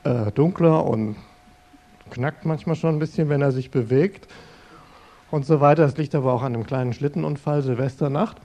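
Mellow-voiced man giving a sermon. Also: mid-range voice, moderate pace. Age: middle-aged. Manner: earnest, conversational, addresses listeners directly. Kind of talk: sermon-style talk.

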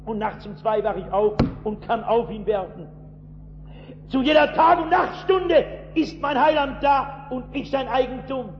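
High-voiced male preacher in an echoing hall. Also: expressive, a little slow. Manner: emphatic, swings between loud outbursts and hushed asides; addresses listeners directly with rhetorical questions. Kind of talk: sermon. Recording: dull lo-fi recording in a reverberant hall with faint hum.

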